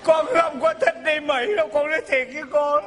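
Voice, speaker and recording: A reluctant young groom played by a man whines and pleads in a very high, bright voice. The sound is a stage skit in an echoey hall, with a live audience murmuring behind. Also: fairly even intonation, fairly quick, some chatter behind. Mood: whiny. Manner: complaining, self-pitying.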